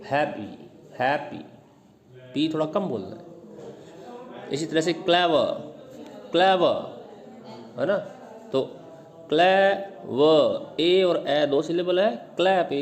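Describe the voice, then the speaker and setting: A man's voice: a little high, big pitch swings, darkish tone. Man teaching with repeated examples. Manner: repeats words slowly to show stress, mixes English reading into Hindi explanation. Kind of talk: explaining English literary terms.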